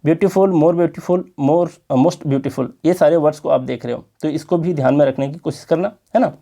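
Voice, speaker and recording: A man teaching an exam-prep English grammar lesson in Hindi, explaining slowly and checking in with his students. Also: fairly high pitch, creaky, dark tone.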